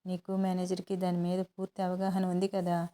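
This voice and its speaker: A woman reading the lines of a caring young man who calmly reassures and teases. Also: lowish voice, moderate pace, slight background noise, close to an everyday voice. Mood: tender. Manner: soothing, reassuring.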